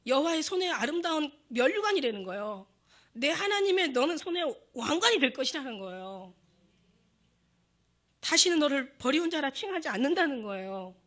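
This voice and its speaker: Middle-aged lady pastor, high voice, preaching all fired up, acts out prayers n god talking. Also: moderate pace. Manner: emotional, animated preaching, acting out prayers and God's words. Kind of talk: sermon.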